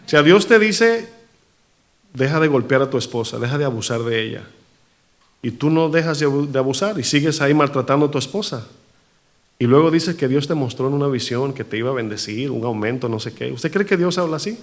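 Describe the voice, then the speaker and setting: Animated Spanish-speaking man preaching. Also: on the high side, brisk. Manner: animated preaching with rhetorical questions to the congregation. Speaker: pastor. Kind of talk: sermon. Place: church.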